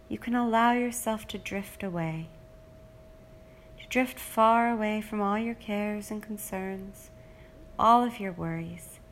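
A woman reading a guided relaxation script in a slow, soothing, repetitive way, like a hypnotist. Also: medium pitch, slight background noise.

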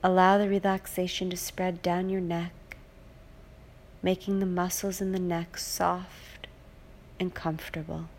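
A woman reading a guided hypnosis relaxation script in a slow, soothing, repetitive way, now and then dropping into soft whispers. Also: on the low side, flat delivery, a little hiss or hum.

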